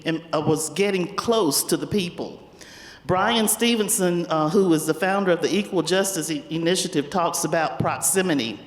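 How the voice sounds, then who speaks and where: Here a community foundation leader from Spartanburg shares personal stories during a panel, her South Carolina accent coming through at a medium pitch. The tales about her community work are folksy and funny. She's on stage in a big event hall whose long reverb makes everything echo.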